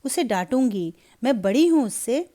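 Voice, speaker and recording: Woman voicing an anxious young wife, insistent, slightly high, mellow tone, storybook. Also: lively intonation, moderate pace, lightly acted. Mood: worried.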